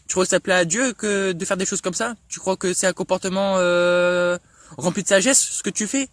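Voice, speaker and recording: High-voiced man stammering through a scolding rebuttal. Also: moderate pace, fairly bright tone, no room sound. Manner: stammering, repeats words and restarts often; reproachful, addresses a rival directly with questions. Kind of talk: impassioned online rebuttal.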